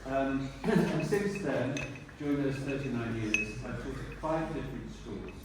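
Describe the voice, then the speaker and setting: A man's voice: mid-range voice, unhurried. Older man giving a speech in an echoey hall. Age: 60s. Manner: warm, rambling, clears his throat often. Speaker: retiring teacher. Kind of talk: retirement speech at a dinner. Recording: echoey hall from far off, noisy.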